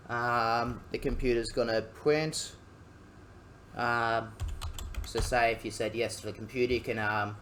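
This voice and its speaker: A young Australian man, a student, talking through a coding tutorial in a halting, casual way, full of ums and jokey asides. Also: mid-range voice, a bit bright, slight background noise. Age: young adult.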